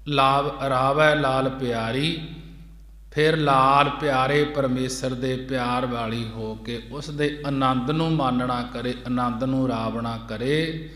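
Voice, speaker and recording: A man preaching in a gurdwara hall, chanting scripture lines and then explaining them slowly, repeating each line. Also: mid-range voice, fairly even intonation, a bit bright. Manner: slow, measured, repeats each line twice. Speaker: Sikh preacher. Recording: echoey hall with long reverb.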